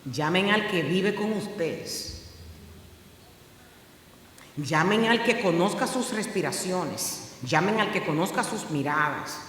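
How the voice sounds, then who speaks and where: A woman pastor, preaching a sermon with impassioned delivery that climbs from hushed to loud. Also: on the low side, animated, slow, long pauses. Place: church sanctuary. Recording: very echoey, reverberant church hall.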